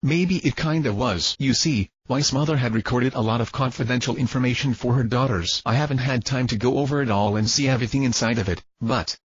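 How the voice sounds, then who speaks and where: A man narrating a fan-fiction audiobook in a steady first-person storytelling way, close to a home microphone. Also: medium pitch, quick pace, few pauses, husky, no room sound. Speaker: audiobook reader. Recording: dry, slightly dull lo-fi recording.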